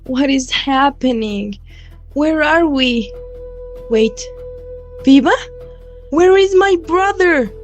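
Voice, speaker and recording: A woman's voice: sits high, animated, normal speed, faint music behind. A woman voicing a frightened but brave young girl, calling out urgently. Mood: desperate. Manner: urgent, shouting.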